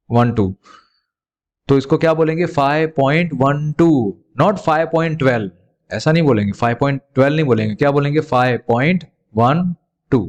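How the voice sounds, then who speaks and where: A male teacher with an Indian English accent guides young students through a math lesson in a medium-pitched, darkish voice. He calls them "beta" and keeps asking questions, then answering them himself, in a patient classroom tone.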